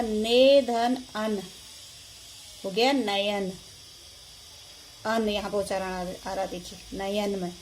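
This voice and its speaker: A woman's voice: medium pitch, a little mellow, a little hiss or hum. A woman teaching a grammar lesson, explaining rules step by step and correcting herself as she goes. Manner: slow, deliberate explanation with self-corrections.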